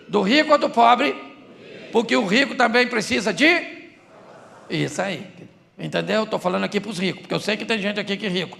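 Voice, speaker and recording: A man's voice: high-pitched, brisk, vocal fry, sharp tone. A man preaching a humorous sermon as a pastor, in Brazilian Portuguese, joking and asking the crowd questions.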